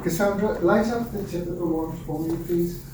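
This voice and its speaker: A man performing as a ceremonious wandmaker in a theme park shop, speaking slowly and instructively. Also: high voice, a little hiss or hum, natural voice. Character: solemn old-world wandmaker, theatrical male. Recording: echoey room with loud music, from far. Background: loud music.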